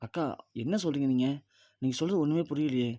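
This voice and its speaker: A man voicing a young husband who calmly pleads with his elder sister, in his own voice. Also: on the high side, fast talker, no echo, lightly acted. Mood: pleading. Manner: pleading, reasonable. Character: young husband, calm and doubting.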